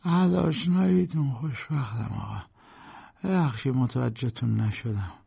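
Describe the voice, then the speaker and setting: A man voicing a frail, bedridden old lawyer who speaks slowly and weakly in an audiobook, on a dull lo-fi recording. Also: medium pitch, lively intonation, gravelly, husky, full character voice. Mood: weary. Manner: slow, weak, soft-spoken. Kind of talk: audiobook character voice.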